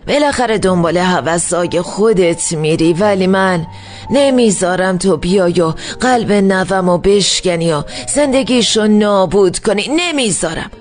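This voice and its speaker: A woman's voice: mid-range voice, lightly acted. A woman dubbing a stern, hostile older aunt who scolds and warns in a cold voice. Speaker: dubbing actor. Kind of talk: dubbed TV drama.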